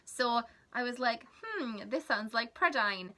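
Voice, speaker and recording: A young Welsh vlogger with a Welsh accent, whose first language is Welsh, chats casually and rambles, tossing in giggly asides. Her voice is fairly high, animated, pushed and bright, and a little slow.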